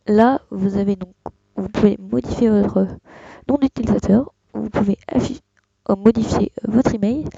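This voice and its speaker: Young tutorial host, gravelly and mellow, hesitant delivery, dull dry desktop mic sound. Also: medium pitch, no echo. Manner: hesitant, many fillers and restarts. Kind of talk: casual screen-recorded tutorial.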